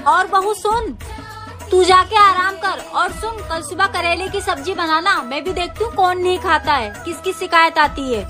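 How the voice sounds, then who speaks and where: This is a bossy, taunting mother-in-law, played by a woman in a melodramatic home skit. Her voice sits very high as she snaps out sarcastic scolding. Clear music plays under her the whole time. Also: moderate pace. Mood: spiteful. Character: harsh, scolding middle-aged mother-in-law. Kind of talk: melodramatic short-video acting.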